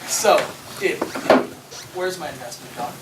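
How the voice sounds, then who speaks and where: An actor playing a genial, casually confident investor, speaking in an informal, emphatic way in scripted film dialogue. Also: male voice, fairly high pitch, unhurried, close to an everyday voice. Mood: breezy. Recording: echoey room, distant mic, noisy clicks.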